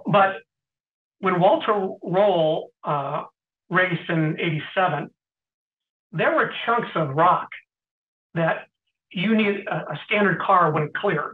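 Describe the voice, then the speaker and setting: A middle-aged man, an interview guest, tells stories in a casual way, often clearing his throat and pausing with fillers. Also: a little high. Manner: anecdotal, frequent throat clearing and hesitant fillers. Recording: tinny phone-like sound.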